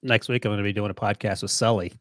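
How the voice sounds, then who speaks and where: A man's voice: on the low side, fairly even intonation, fast talker, a bit bright, no room sound. A man in his forties co-hosting a sports podcast, with dry and sarcastic humor. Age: 40s. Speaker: podcast co-host. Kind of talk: casual sports podcast banter.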